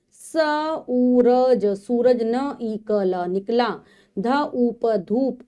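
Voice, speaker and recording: A woman teaching young children to read, spelling words out letter by letter and then briskly explaining to the class. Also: a little high, warm tone. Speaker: primary school Hindi teacher. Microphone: voice-over for a video lecture.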